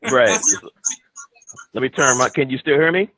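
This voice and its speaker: A man's voice: mid-range voice, moderate pace, bright, forceful tone. A man joining a casual live-stream chat as a guest over a video call on earphones, laid-back with short easygoing replies.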